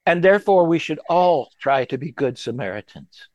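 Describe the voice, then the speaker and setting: A man's voice: on the high side, expressive, normal speed, darkish tone, dry recording, muffled recording. Hesitant man co-host, dry sound. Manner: hesitant, restarts, mock-serious. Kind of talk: casual chat.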